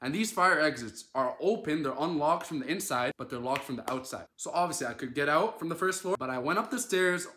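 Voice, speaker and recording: A young man from Canada tells a story in a casual vlog, animated and dramatic, with plenty of fillers. His voice is bright and forceful. The room leaves a noticeable echo. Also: a little high, fairly quick, hardly any pauses. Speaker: social media creator.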